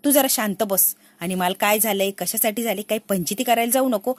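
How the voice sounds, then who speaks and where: A woman's voice: medium pitch, a little fast, natural voice. A woman voicing an irritated young husband who scolds his wife and demands respect. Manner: scolding, exasperated.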